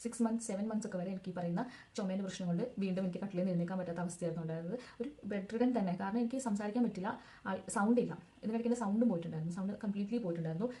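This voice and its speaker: Rapid-talking young woman, mellow voice. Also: mid-range voice. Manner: chatty and rambling, backtracking to add details. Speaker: vlogger telling her own story. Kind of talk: casual personal storytelling.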